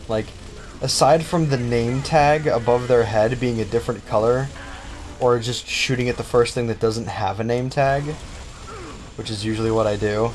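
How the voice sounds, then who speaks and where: A man's voice: mid-range voice, steady tone, moderate pace. A young man co-hosting a casual gaming chat, chatty and reacting to the game. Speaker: co-host.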